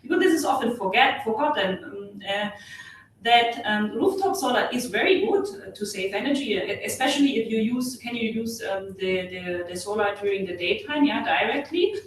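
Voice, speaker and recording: A woman's voice: a little high, animated, normal speed. Brief: German woman, non-native English, hesitant consultant on a webinar, roomy far-off call sound, faint hum. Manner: hesitant, many fillers. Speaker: webinar speaker, energy consultant. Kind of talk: webinar Q&A answer. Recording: echoey, distant video-call audio with faint hum.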